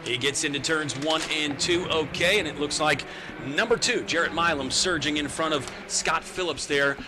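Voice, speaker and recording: Higher-voiced American male race announcer. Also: moderate pace. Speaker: motorsport play-by-play announcer. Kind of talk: live race commentary. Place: outdoor speedway broadcast. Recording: loud outdoor racetrack engine noise. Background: race cars and outdoor ambience.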